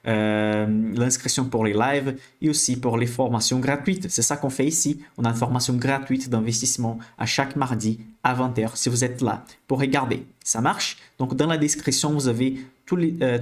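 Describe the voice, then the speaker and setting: A man with a Brazilian accent hosts a live-streamed investing class, chatty and checking in with viewers as he explains. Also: mid-range voice. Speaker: financial educator hosting a live stream.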